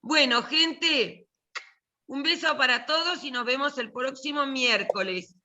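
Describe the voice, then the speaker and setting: An older woman with an Argentine Spanish accent teaches a literature and film class over a video call, talking in a chatty, joking, colloquial way. Her voice sits high and sounds sharp, she speaks a little slowly, and there's a slight hiss or hum.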